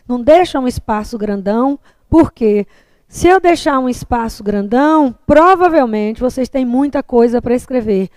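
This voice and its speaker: Brazilian lady teacher, kinda high voice, dry close sound, keeps asking "tá?". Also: darkish tone, no room sound. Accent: Brazilian Portuguese. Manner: patient, explanatory, frequent checks like "tá?". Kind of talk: classroom lecture on writing.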